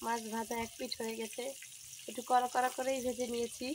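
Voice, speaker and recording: A woman vlogger talks her viewers through a home recipe in a steady step-by-step way. Her voice sits high and stays flat in tone. The recording has plain background noise from a rural kitchen. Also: fairly quick. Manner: steady step-by-step narration, addresses viewers as friends. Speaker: cooking vlogger. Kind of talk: casual cooking demonstration. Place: home kitchen with a wood-fired stove.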